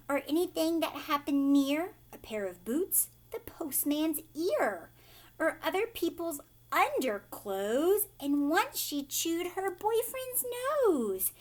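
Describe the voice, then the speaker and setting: Reading a children's story aloud like a teacher, a woman uses theatrical, emphatic phrasing meant for young listeners. Her voice sits high.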